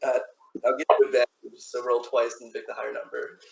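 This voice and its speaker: A man's voice: medium pitch, completely flat delivery, brisk, creaky, roomy sound, poor audio. A man narrating as game master of a tabletop game, rambling loosely with many restarts.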